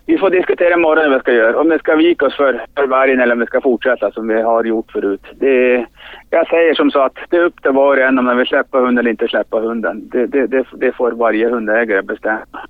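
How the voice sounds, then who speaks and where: A man leading a hunt, talking haltingly in a news interview and repeating his words as he searches for them. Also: mid-range voice, dry recording. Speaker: hunt leader interviewed by phone. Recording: tinny dry phone line.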